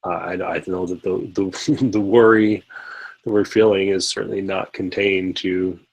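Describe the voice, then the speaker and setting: A man's voice: low-pitched, fairly even intonation, unhurried, rough recording. A man co-hosting a live podcast, talking politics in a rambling way with many fillers and restarts. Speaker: podcast co-host. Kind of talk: casual political discussion.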